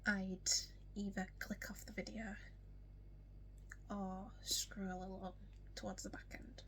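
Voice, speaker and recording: A low-quality recording captures a young Yorkshire vlogger from West Yorkshire, England, in a casual get-to-know-me video. Her strong accent comes through a soft, often whispered delivery peppered with ums and the odd hiccup, while her pitch holds flat and even over a faint underlying noise.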